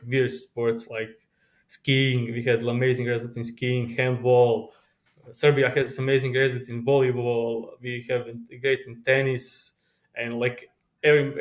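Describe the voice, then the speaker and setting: A young man from Croatia speaking English with a Croatian accent, an eager, rambling interview guest whose speech halts with frequent restarts. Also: mid-range voice. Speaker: guest, pro sports bettor. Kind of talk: casual interview chat.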